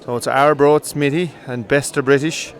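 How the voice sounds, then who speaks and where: Commentating live on greyhound coursing out on an open field, this man speaks at a medium pitch. His brisk delivery climbs in excitement whenever the dogs run.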